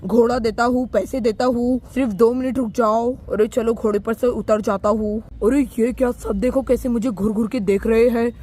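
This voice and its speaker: A woman's voice: a little high, fairly even intonation, moderate pace, few pauses, mellow, natural voice. A woman voicing a flustered young groom in a doll story, stammering and pleading. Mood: worried.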